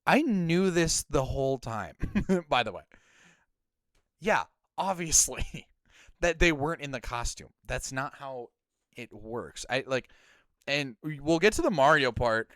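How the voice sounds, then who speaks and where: A man with a Midwestern American accent chats casually on a stream, reading out viewer comments. His voice is smooth and clean. The sound is dry and close, with no room around it. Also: medium pitch, expressive, dry recording. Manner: talks fast, trails off quietly, reads out comments. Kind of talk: casual chat.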